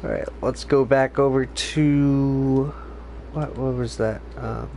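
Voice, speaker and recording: Slow-talking male game streamer. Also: medium pitch, fairly even intonation, darkish tone, a little hiss or hum. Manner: easygoing, exclaiming in surprise. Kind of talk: casual live gameplay commentary.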